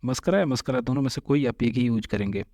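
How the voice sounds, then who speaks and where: A man teaching a spoken Arabic lesson. He says each phrase twice, slowly, then explains it word by word. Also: medium pitch, darkish tone, dry recording, studio quality. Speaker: language teacher.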